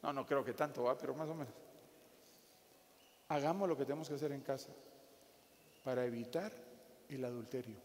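Guatemalan pastor guy, jokey animated sermon, a bit high voiced, big echoey hall. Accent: Guatemalan Spanish. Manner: jokey, animated preaching with acted asides. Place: church hall. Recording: echoey hall with faint ambience.

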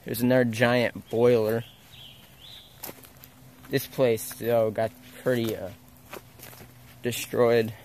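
A man's voice: medium pitch, flat delivery, slow, long pauses, darkish tone, slight background noise. A young man casually narrating while walking through a forest, filming on a handheld camera, rambling and correcting himself as he goes. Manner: rambling, unsure, self-correcting. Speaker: explorer filming abandoned sites. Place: outdoors in a forest. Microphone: handheld camera mic.

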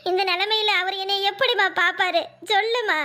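A woman voicing a heartbroken, resigned young village bride in a cartoon, soft and tearful, with a Kanyakumari Tamil accent. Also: very high-pitched, steady tone, fairly quick. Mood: despairing.

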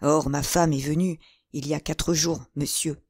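A woman's voice: deep voice, steady tone, normal speed, a little mellow, husky, no echo, clean studio sound. A woman reading aloud and voicing a nervous middle-aged male shopkeeper and landlord, hesitant and fussy. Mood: confiding.

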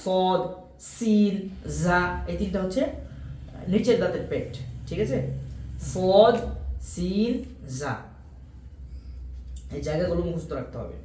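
A high-pitched man with a Bangladeshi Bengali accent leads a pronunciation lesson, repeating each Arabic letter sound several times and checking in with his students. His voice rings in a roomy, echoing space. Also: darkish tone, a little hiss or hum. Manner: repeats Arabic letter sounds slowly, explaining mouth positions; often checks in with "okay?". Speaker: Quran recitation teacher.

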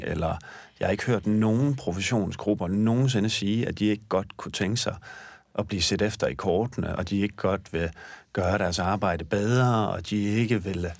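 A man arguing his point forcefully as a guest on a panel. His voice is low, husky and gravelly. The sound is close and dry. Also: no echo. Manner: emphatic and forceful in argument. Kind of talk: panel discussion.

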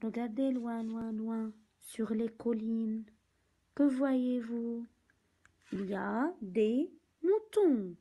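Reading a picture book to little kids, a woman with a higher, dark-toned voice goes slowly and deliberately, repeating words and counting out loud. The recording has its highs cut off.

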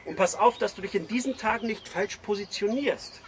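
A man voicing a gruff, foul-mouthed man who lectures bluntly within a satirical column he reads aloud. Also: high voice, brisk, slight background noise, voice pushed up, lightly acted. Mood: ranting.

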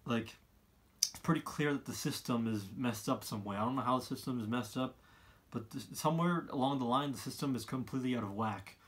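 A man, giving his opinions in a casual monologue, halting and often repeating himself as he rambles. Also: medium pitch. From Canada. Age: 20s. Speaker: vlogger, college student. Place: small room indoors, seated by a wall.

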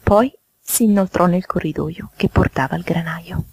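A woman reading a children's fairy tale aloud in a soft, half-whispered way. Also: lowish voice, moderate pace, breathy edge, no room sound. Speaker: storyteller.

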